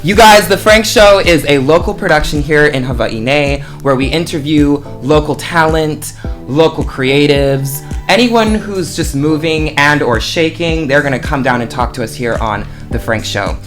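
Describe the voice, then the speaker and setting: Upbeat interview host, mid-pitched, chatty with viewers, music behind. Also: normal speed. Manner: upbeat, addresses viewers as "you guys". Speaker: show host. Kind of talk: casual interview hosting. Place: podcast studio.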